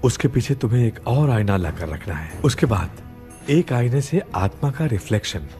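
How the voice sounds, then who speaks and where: A man dubbing a calm ghost expert. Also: mid-range voice, normal speed, faint music behind, natural voice. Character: confident adult male ghost expert. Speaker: ghost expert addressed as sir. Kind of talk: Hindi film dubbing.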